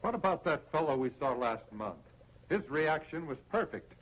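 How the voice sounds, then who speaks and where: An actor playing an impatient, demanding conspirator in an old horror film, stern and probing. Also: male voice, a little high, sing-song, normal speed, low-quality recording. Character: impatient, demanding male conspirator plotting conquest. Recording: old film soundtrack, faint noise.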